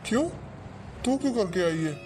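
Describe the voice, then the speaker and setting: Skit figure: mid-pitched voice as a grumbly older father-in-law, easygoing, faint hiss. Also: lively intonation, moderate pace, natural voice. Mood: grumbling. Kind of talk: family comedy skit.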